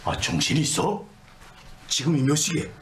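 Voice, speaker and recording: A gruff, impatient husband swings his pitch widely as he answers. His replies are brusque and short-tempered. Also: very animated, moderate pace, a bit bright, a little hiss or hum. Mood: irritated. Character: middle-aged male miner husband, gruff and impatient.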